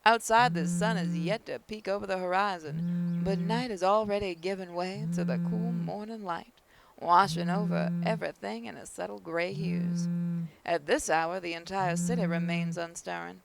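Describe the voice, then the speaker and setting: With a steady tone at normal speed, the creaky, mid-pitched gaming host reads visual novel text aloud and offers casual commentary, now and then tripping over and repeating words. A noticeable low rumble comes from the clearly noisy mic.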